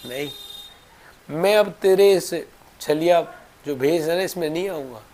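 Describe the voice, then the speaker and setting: A man's voice: fairly high pitch, a little slow, darkish tone, natural voice. A man voicing a stubborn, devoted old male ascetic who scolds in rustic speech. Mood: pleading.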